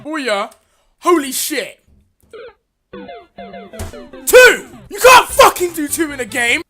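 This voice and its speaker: Female gamer, high, very animated; excitable commentary with constant swearing and yelps. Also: measured pace, soft background music. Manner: excitable, shouting and swearing at the game. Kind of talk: gameplay commentary.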